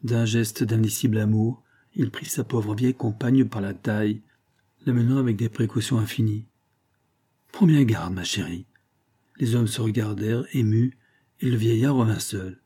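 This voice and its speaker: A man narrating a classic short story in a measured, literary reading. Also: on the low side, steady tone, warm tone, slightly rough. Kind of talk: audiobook narration.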